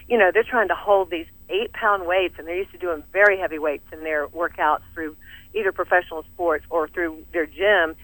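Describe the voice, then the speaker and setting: A woman's voice: on the low side, moderate pace, a bit bright, dry recording, low-quality recording. A middle-aged woman with a Southern US accent, talking energetically as a fitness studio owner in an interview, laughing often. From American South. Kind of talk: enthusiastic interview talk.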